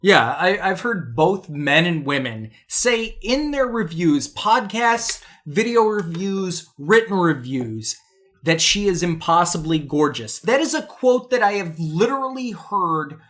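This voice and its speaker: Lower-voiced woman in casual debate. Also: lively intonation, measured pace, fairly bright tone. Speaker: podcast co-host.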